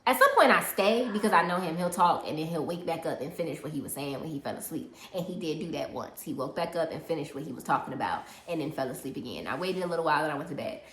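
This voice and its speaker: A woman telling a personal story in casual chat, animated and laughing, acting out the people she quotes. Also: deep voice, fast talker, hardly any pauses, a little hiss or hum. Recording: roomy echo.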